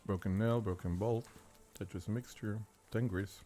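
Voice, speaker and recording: A deep, low-pitched man streams a game and rambles to himself in easy, casual commentary, now and then cursing mildly. Bird calls and countryside game sounds run clearly under his voice. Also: steady tone, a little slow, mellow, slight background noise. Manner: chatty, thinking aloud, mild cursing. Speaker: gaming streamer. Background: game sounds of birds and countryside.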